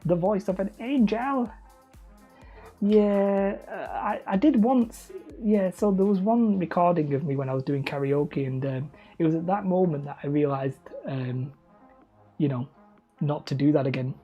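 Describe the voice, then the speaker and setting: A hobby terrain-making streamer chats casually on a livestream while crafting, rambling, putting himself down, and reading the chat aloud. He describes his own voice as high and whiny. He speaks a little slowly; the recording is muffled, with faint music behind.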